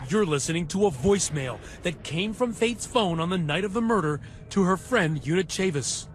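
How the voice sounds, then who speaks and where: A man narrating a television news investigation in a measured, dramatic scripted delivery. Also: high-pitched, lively intonation, a little hiss or hum. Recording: music bed under voice.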